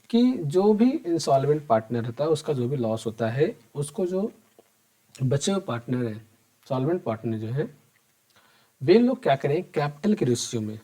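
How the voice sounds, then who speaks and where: With a warm, medium-pitched voice, a man teaches accounting to students preparing for an exam. His lecture is conversational: he speaks to them directly, questions them and answers himself, and keeps restating the essentials.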